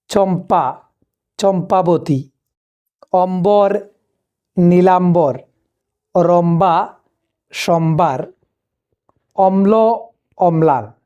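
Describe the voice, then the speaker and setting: A woman's voice: mid-range voice, dark tone. A woman with an Assamese Bengali accent teaching a primary-school reading lesson, patiently spelling out letters. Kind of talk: textbook lesson.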